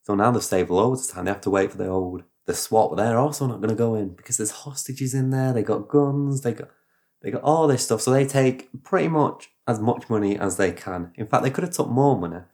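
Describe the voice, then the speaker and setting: A man's voice: mid-range voice, brisk. Man rambling through a story. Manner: rambling, animated retelling with sound effects. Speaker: podcast host. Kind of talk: casual storytelling chat.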